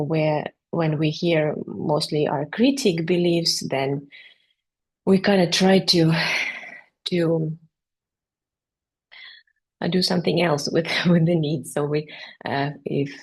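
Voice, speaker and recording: A psychotherapist with a Finnish accent giving a conference talk over a video call, hesitant, with many fillers and restarts. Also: female voice, low-pitched, creaky, darkish tone, breathy edge, low-quality recording. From Finland. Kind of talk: conference presentation.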